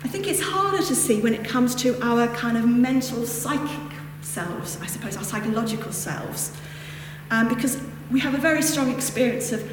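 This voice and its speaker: This clip is a dharma talk to a group, delivered by a woman whose voice is a little high and expressive, at a moderate pace. With a northern English accent, she reflects on Buddhist teaching and meanders through casual asides at a lectern in a hall. The audio comes from a distant mic in an echoey space with background noise.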